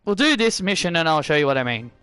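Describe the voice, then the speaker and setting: A man's voice: on the high side, sing-song, quick pace, sharp tone, clear, resonant tone, soft background music. A man giving casual video game commentary, often repeating and rephrasing his own phrases. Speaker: gameplay commentator.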